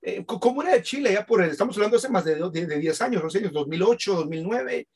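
A man's voice: high-pitched, expressive, quick pace, slightly rough. A man from Guatemala, hosting a casual conversation and often answering with short affirmations. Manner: chatty, affirming with frequent short replies. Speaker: host.

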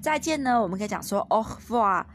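A woman's voice: mid-range voice, lively intonation, fast talker, music in the background. A young woman with a Taiwanese Mandarin accent, a mother patiently teaching her toddler French words at home, playful and encouraging. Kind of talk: home-recorded French lesson with a child.

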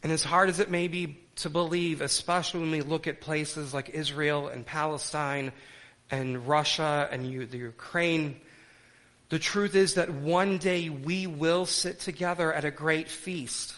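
Man, fairly high-pitched voice, pastor, solemn worship delivery, measured short phrases, preaching and liturgical recitation. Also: steady tone, a bit bright. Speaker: pastor leading worship and communion. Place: church worship service.

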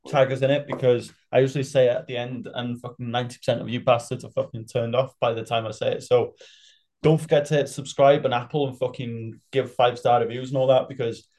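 A man co-hosts a casual podcast in a mellow, warm voice. He stays laid-back, laughs along with his mate and swears through the reminders to subscribe. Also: medium pitch, flat delivery, quick pace. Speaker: podcast co-host.

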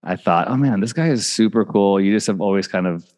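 A man in his forties hosting a casual interview podcast, admiring and halting, with many restarts. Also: on the low side, a little mellow, big-room sound. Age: 40s. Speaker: podcast host.

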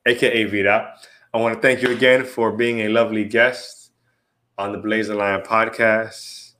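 A man's voice: fairly low pitch, little pitch movement, normal speed, pushed and bright. A man hosting his podcast, talking in a casual, playful hype style and often tossing in "right?" and "you know what I mean". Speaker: podcast host.

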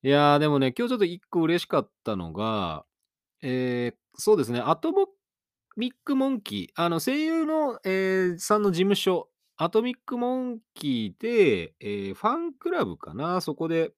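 A man's voice: high voice, wildly swooping pitch, normal speed, clear, resonant tone, dry recording, clean studio sound. A man hosting a solo radio show in a rambling, self-mocking, chatty way. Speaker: radio DJ and podcast host. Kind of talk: casual solo radio talk.

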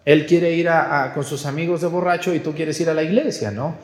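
Mexican priest preaching in an echoing church. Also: male voice, on the high side, brisk. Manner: conversational preaching with rhetorical questions; acts out quoted people in lively voices. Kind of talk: sermon at Mass. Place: large reverberant church. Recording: echoey church with long reverb.

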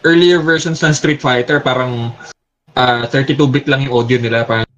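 A man's voice: medium pitch, steady tone, normal speed, a bit bright, dull audio. A young Filipino man with a Filipino accent, co-hosting a podcast in an easygoing chat and calling his friends "pre". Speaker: podcast co-host. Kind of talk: casual chat among friends.

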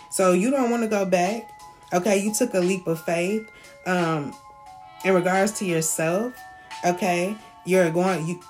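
A woman with a fairly low voice gives a casual, rambling reading, checking in with listeners again and again. Faint music plays softly behind her. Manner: chatty, repeats "okay?" often, laughs. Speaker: tarot reader.

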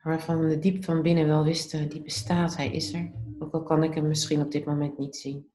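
A woman leading a guided meditation in a calm, soothing, gently instructive way. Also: low-pitched, a little fast, roomy sound, soft background music.

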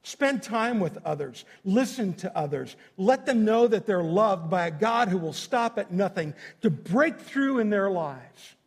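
A male pastor delivers a sermon in a high-pitched voice. He addresses his listeners directly in a folksy, emphatic way, leaning on repeated phrases to drive his point home. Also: expressive, a little slow, hardly any pauses, husky. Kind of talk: sermon to a congregation.

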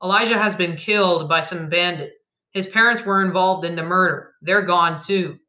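A storyteller voicing a caring mother who gently breaks sad news in a soft, consoling way. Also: medium pitch, steady tone, moderate pace, reverberant, close to an everyday voice. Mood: gentle, somber.

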